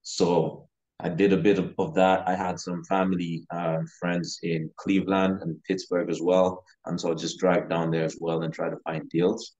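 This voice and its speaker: A podcast guest in his thirties from Uganda, who invests in real estate, speaks at normal speed with a low, darkish, flat delivery. He chats casually and hesitantly, leaning on "you know," during a living-room video call. The sound is dull and lo-fi because he sits back from the camera.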